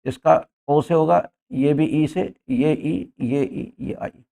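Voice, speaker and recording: A man's voice: fairly high pitch, slow pace, creaky, mellow. A man teaching English grammar, explaining step by step, repeating each point and addressing viewers as friends. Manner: points at words on a board as he explains. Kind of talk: explanatory lesson.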